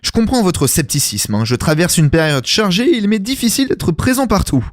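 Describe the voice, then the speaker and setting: A man's voice: high-pitched, big pitch swings, a little fast, no echo, studio quality. An actor playing a scatterbrained, pompous male king who is theatrical and flustered, in a comedic radio play. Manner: flustered, theatrical, grand formal phrasing.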